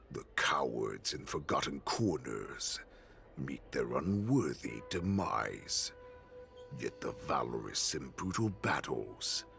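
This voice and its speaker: An actor playing a cruel, gloating wolfish beast warlord in a video game, talking slowly and mockingly. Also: male voice, sharp tone, exaggerated voice. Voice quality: deep gravelly growl. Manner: slow, mocking, savoring every threat.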